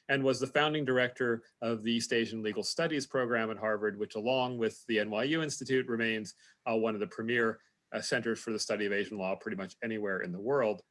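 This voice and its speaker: A man giving a formal introduction for a lecture over a video call, speaking in a measured way with frequent pauses and fillers. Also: medium pitch, fairly bright tone.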